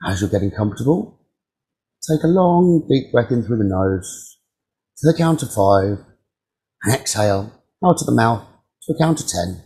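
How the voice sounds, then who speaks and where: Pitched fairly low, this man leads a guided meditation as its teacher, pausing often between gentle, calming directions.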